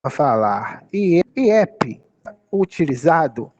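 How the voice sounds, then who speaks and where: A man's voice: a little high, very animated, slow, a little mellow, lo-fi sound. A man with a Brazilian Portuguese accent teaching English phrases, patiently repeating and spelling out words.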